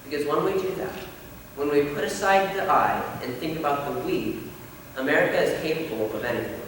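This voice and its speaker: A young man playing an earnest male high school senior, giving a solemn, rousing stage speech. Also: animated, a little fast, fairly bright tone. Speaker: student actor. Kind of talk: stage play speech to a class. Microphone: distant room mic. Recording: echoey hall from far off, noisy.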